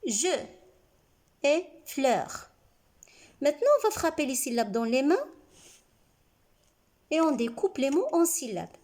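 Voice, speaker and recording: A woman teacher giving a reading lesson to young pupils, saying words slowly and clearly, syllable by syllable, asking the class questions and praising their answers. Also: high-pitched, a little mellow, slight background noise. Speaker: primary school teacher.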